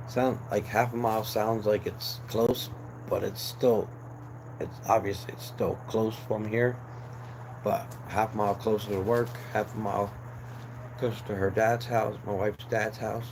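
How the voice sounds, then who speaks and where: This young livestream host from New Jersey, USA, speaks lowish, steady and unhurried. He's losing his voice as he rambles through a casual chat, full of fillers and restarts, and background noise is clearly present.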